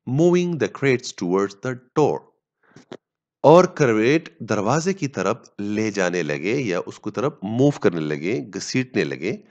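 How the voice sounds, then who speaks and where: A man teaching a story as a lesson, reading each English line slowly and then explaining it at length with pauses and fillers. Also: mid-range voice, darkish tone, highs cut off. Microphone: voice-over on slides.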